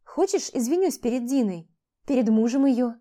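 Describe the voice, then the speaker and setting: Narrator doing a needy young woman begging, voice pitched up high, soft dark tone. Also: lively intonation, moderate pace, lightly acted. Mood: pleading. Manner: pleading, raised high voice. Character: pleading clingy young woman, desperate to be loved.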